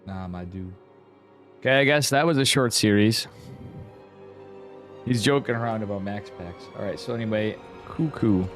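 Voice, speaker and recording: With a fairly low, slightly bright voice, normal speed and long pauses, a man from upstate New York hosts a game livestream. He's an esports caster with an American accent who chats and rambles casually with his audience. Faint music plays behind him.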